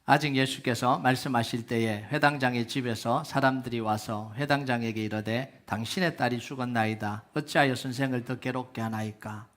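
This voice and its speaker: A man preaching a sermon as pastor, asking the congregation questions and swinging from soft low asides to loud emphatic peaks. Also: fairly even intonation, normal speed, few pauses. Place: church sanctuary.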